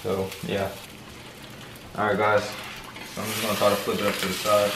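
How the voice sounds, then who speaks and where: In a somewhat low, monotone voice at normal speed, a young adult vlog co-host chats casually and uses slang while cooking at home. Loud frying sizzle and stirring echo through the kitchen around him.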